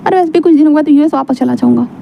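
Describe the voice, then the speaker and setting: A woman's voice: sits high, racing, creaky, highs cut off, slight background noise, pitched above the performer's own voice. A woman voicing a confident, teasing young man who talks in an easygoing way.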